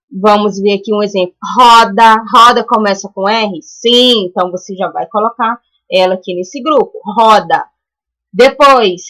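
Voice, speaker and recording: A Brazilian woman teaching a primary school class in a recorded lesson, walking through each exercise patiently and stretching out example words slowly. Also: mid-range voice, fairly bright tone, low-quality recording. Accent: Brazilian Portuguese. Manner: patient, explains step by step and checks in with "tá?".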